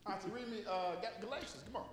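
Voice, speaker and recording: Animated, high-pitched American man preaching in a hall. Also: rapid-fire. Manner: animated, repeats phrases for emphasis. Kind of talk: informal, conversational sermon with call and response. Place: large echoey room, preaching to a congregation. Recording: echoey hall with long reverb.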